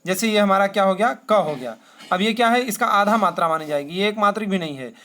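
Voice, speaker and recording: A man. He chants verses slowly and poses questions that he then answers himself. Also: high voice, bright, forceful tone. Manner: asks rhetorical questions and answers them himself. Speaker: Sanskrit teacher. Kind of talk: classroom lesson.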